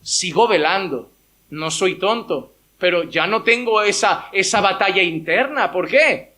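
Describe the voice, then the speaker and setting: Bright, high-voiced preaching pastor. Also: male voice, lively intonation, measured pace. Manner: emphatic preaching with quoted voices and rhetorical questions. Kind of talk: sermon. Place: church.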